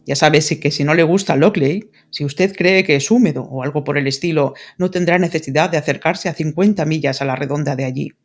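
A woman voicing an earnest, lovesick English lord in an audiobook, speaking formally and pleading gravely. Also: low-pitched, brisk, few pauses, soft background music. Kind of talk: audiobook character reading.

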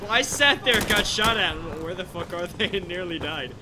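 Male let's play host, high voice, jokey and sweary, loud gunfire under the voice. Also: expressive, moderate pace, very noisy. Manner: joking and swearing, jumpy reactions. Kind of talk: casual gameplay commentary. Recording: voice mixed over loud game gunfire. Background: loud gunfire and explosions from the game.

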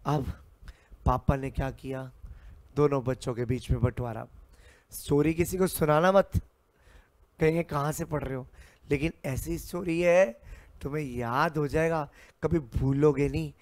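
A man's voice: a little high, steady tone, a little slow, long pauses, a little mellow, no echo. A man teaching a commerce lecture in a playful, theatrical way, acting out little characters, singing snatches and repeating lines for emphasis. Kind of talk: playful classroom lecture with a story.

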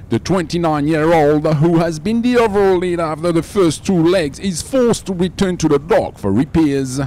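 A man's voice: a little high, darkish tone, slight background noise. A man reading a scripted sailing news voice-over.

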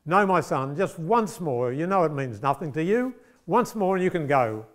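A man voicing a gentle, persistent male priest who speaks calmly and coaxingly. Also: a little high, moderate pace. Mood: insistent.

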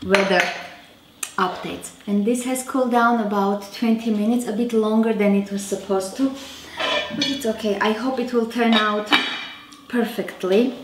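A woman in her thirties with an Armenian accent, hosting a casual cooking demonstration in chatty, self-correcting, halting English. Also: fairly high pitch, steady tone, noisy background. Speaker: cooking show host. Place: roomy home kitchen, indoors. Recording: echoey kitchen with background music.

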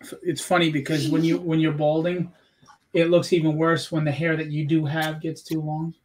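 A man's voice: a little high, level tone, normal speed, a little mellow, low-quality recording. A man hosting a live stream, chatting casually in a rambling, joking, candid way. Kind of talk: casual chat.

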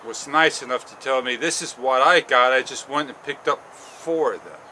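A man in his forties vlogging outdoors, rambling slowly and haltingly with frustration, on a clip-on mic. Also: mid-range voice, sharp tone, a little hiss or hum. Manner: slow, halting, frustrated rambling with long pauses. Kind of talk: casual walk-and-talk vlog. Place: outdoors on a sunny garden patio and paths. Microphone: small wireless clip-on mic.

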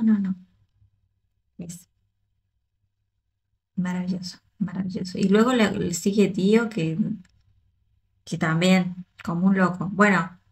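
Gravelly-voiced woman gushing over a performance. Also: medium pitch. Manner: excited, repeats words, many restarts. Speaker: choreographer and dance teacher reacting to videos. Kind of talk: casual reaction commentary.

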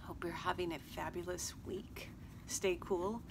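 A woman with a fairly low voice chats casually to her viewers, wandering from topic to topic with fillers and little self-deprecating jokes. She is recorded outdoors, with a faint hum of ambient noise behind her. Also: steady tone, measured pace. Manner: chatty, rambling with fillers and self-deprecating asides. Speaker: craft vlogger. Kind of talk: casual chat to camera. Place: outdoors at a table.

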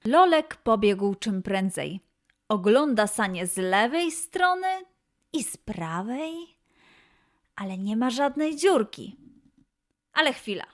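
A woman with a fairly high pitch narrates a scripted children's story expressively, using dramatic pauses and emphasis.

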